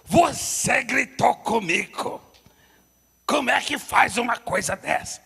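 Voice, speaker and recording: A man doing a shrill, indignant wife. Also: very animated, normal speed, vocal fry, bright, forceful tone, breathy edge, exaggerated voice. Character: exasperated wife, middle-aged woman, demanding and touchy. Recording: reverberant church hall.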